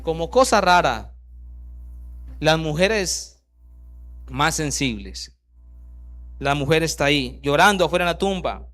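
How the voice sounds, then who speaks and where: A man preaching a sermon, reading scripture aloud and breaking in with rhetorical questions, swinging from loud bursts down to very soft lines. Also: on the high side, expressive, unhurried, pauses often, soft background music. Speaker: pastor.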